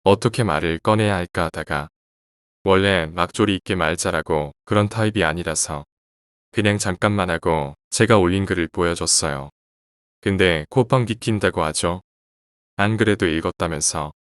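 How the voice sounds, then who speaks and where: Low-voiced man reading a horror story. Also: normal speed, fairly bright tone, smooth, dry recording, studio quality. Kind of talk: scripted narration of a first-person horror story.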